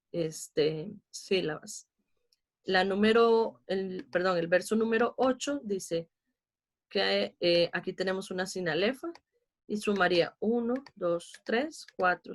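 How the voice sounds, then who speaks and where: Costa rican lady teaching a class online, patient, counts syllables out loud one by one. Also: mid-range voice. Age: adult with a child. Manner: patient, explains step by step, counts syllables aloud.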